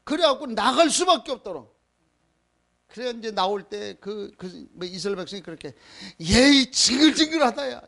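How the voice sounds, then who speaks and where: A man preaching a Sunday sermon in Korean, retelling scripture in a conversational, animated way and acting out the quoted lines. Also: sits high, moderate pace, gravelly. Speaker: pastor.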